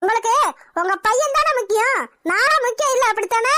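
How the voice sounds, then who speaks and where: Whiny jealous cartoon daughter, super high bright voice. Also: female voice, lively intonation, brisk, exaggerated voice. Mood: sulky. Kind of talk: cartoon voice acting.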